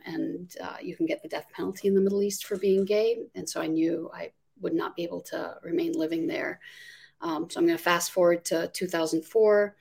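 A Jordanian nonprofit founder in her forties joins a remote interview as a guest and earnestly explains her work in a casual chat full of fillers. Her voice sits fairly low, creaky and slightly rough, with a darkish tone.

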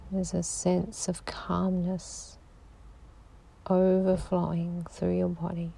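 A woman leads a guided sleep meditation, speaking slowly and soothingly and often sinking into a whisper. Her low voice is mellow and even, with a gravelly edge. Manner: slow, soothing, drifting into whispers.

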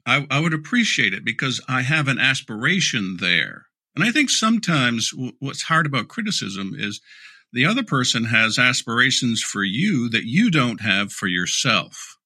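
A man's voice: medium pitch, very animated, moderate pace, bright, forceful tone. A middle-aged man answering interview questions about leadership, candid and dryly sarcastic, often restarting his words. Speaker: leadership speaker and guest.

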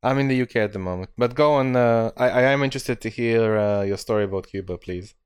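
A man hosts a casual podcast interview, hesitating and using lots of fillers as he puts questions to his guest. His voice is lowish, fast, clear and resonant, with no room sound audible.

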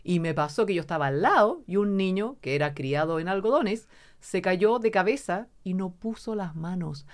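A woman's voice: fairly low pitch, lively intonation, moderate pace. A middle-aged woman with a Chilean Spanish accent, a podcast guest who talks casually and acts out quoted voices as she tells stories.

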